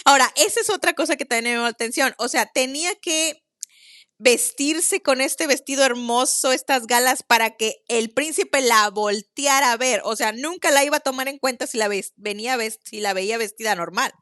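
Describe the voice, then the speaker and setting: A woman with a bright, forceful voice, talking in a casual podcast chat. She speaks in quick bursts and laughs easily. The sound is dry and close. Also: high voice, dry recording. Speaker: podcast co-host.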